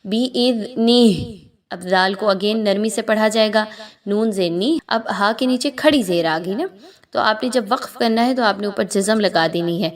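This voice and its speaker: Female tajweed teacher, mid-pitched; patient rule explanations, slow chanted word demos. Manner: explains pronunciation rules patiently, then demonstrates words slowly and drawn out.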